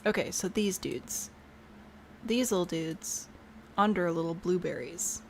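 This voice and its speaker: A woman's voice: lowish voice, animated, a little slow, a little hiss or hum. A woman chatting casually to herself while she builds in a video game, bubbly and prone to trailing off mid-thought. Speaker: game streamer.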